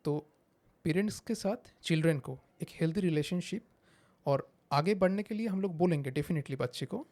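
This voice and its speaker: Mellow-voiced psychiatrist explaining calmly. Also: male voice, on the high side. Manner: measured, explains with examples, mixes English phrases. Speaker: psychiatrist guest. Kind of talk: explanatory interview talk.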